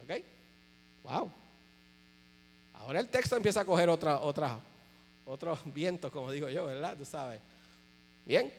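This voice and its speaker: A fairly high-voiced man leads a church teaching session for preachers. He lays out each point deliberately and leans hard on key words. The sound carries a long hall reverb with a faint electrical hum underneath. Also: lively intonation, gravelly. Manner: explains slowly, stresses key words, keeps checking in with 'ok?'.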